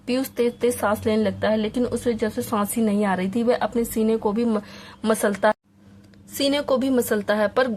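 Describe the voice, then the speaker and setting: A woman reads a serialized romance aloud as an audiobook narrator, dramatic and expressive throughout. Her voice sits fairly high for a woman, and a faint hiss runs under the recording. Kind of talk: scripted story narration.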